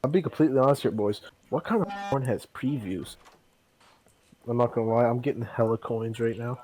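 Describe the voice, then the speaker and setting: A young man playing a horror game with friends, talking loudly and swearing, with jumpy reactions. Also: mid-range voice, brisk. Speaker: gamer. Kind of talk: casual gaming banter.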